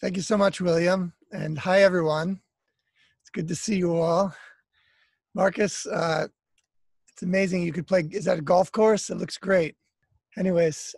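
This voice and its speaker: A man's voice: high voice, creaky, no echo. A man in his thirties from the United States, a musician talking casually and apologetically on a video call, with lots of fillers. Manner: relaxed, chatty, apologetic, many fillers. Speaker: guest speaker, musician. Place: outdoors by trees, garden. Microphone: laptop webcam on video call.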